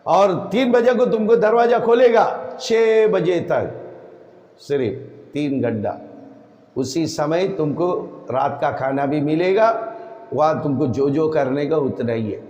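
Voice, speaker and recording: A male preacher delivering a sermon in a slow, emphatic style, repeating his warnings. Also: fairly high pitch, a little mellow, dull audio. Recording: echoey hall, roomy reverb.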